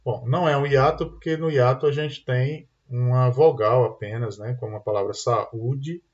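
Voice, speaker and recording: A Brazilian man teaches grammar over a computer mic, walking through each answer patiently and checking understanding as he goes. His voice sits at a medium pitch. The sound is dull and lo-fi. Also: normal speed. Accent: Brazilian Portuguese. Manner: explanatory, tag questions "tá?" and "né?". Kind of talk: online exam-prep lesson.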